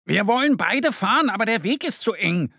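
A man's voice: high voice, animated, moderate pace, bright, forceful tone, dry recording, studio quality, voice pushed up, exaggerated voice. A man voicing a curious little bear cub in a children's story, asking earnest childlike questions.

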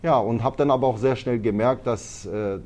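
Man, guest on a podcast, grew up in Italy, hesitant, lots of fillers, mid-pitched voice. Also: moderate pace, darkish tone. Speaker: podcast guest, martial arts trainer. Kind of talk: casual interview talk.

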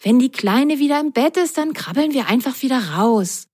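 A woman voicing Ron, a cautious and calm little boy sock in a children's storybook, speaking in a hushed, reassuring way. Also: high-pitched, normal speed, husky, pitched above the performer's own voice.

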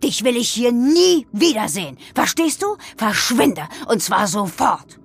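Give me a woman voicing an enraged father yelling, husky and high-pitched. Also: sing-song, a little slow, no room sound, heavily acted. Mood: furious. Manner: shouting, raised. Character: furious frightened father shouting at his teen daughter.

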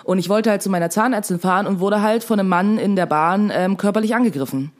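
A young woman talks quickly and casually, packing her speech with fillers as she tells a story to the camera. She still sounds shaken and upset, and her voice sits at a middle pitch. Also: a little mellow. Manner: fast, chatty, full of fillers.

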